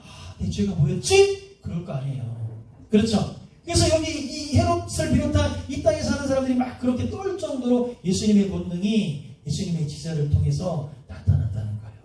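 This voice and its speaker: A man preaching a sermon as pastor, animated, asking the congregation questions and acting out little voices. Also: very high voice, fairly quick, faint music behind. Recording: echoey room from a distance.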